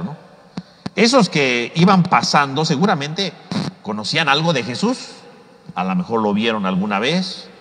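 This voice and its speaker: A man's voice: mid-range voice, fairly bright tone, big-room sound. A man teaching scripture in a parish course, chatty, ending nearly every sentence with a tag question. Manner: ends almost every sentence with a tag question and acts out the mockers' words. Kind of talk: conversational Bible teaching. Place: church or parish hall.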